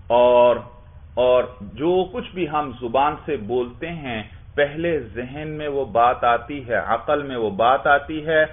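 A man teaching a class, explaining step by step and asking his students questions that he then answers himself. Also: mid-range voice. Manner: explains with repeated questions and answers, often adds "bhai". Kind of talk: classroom lecture. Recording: tinny phone-like sound.

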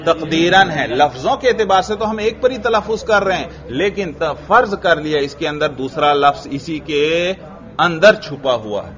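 A man's voice: on the high side, lively intonation, fairly bright tone. A man teaching a grammar lesson to a class, often asking students questions and repeating their answers. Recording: dull lo-fi recording.

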